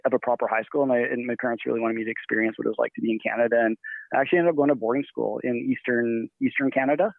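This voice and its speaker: Gravelly man on a tinny line. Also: mid-range voice, no room sound. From Nigeria. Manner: relaxed, rambling with many fillers and restarts. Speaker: guest. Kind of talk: casual interview answers.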